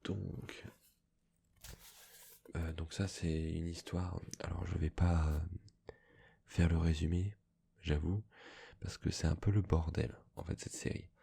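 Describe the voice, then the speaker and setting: A man speaking in a hushed, soft-spoken ASMR manner, slipping into whispers, with a husky, breathy voice, chatting casually as a host. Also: sits low, level tone, slow, pauses often. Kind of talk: soft-spoken ASMR, casual chat about book purchases.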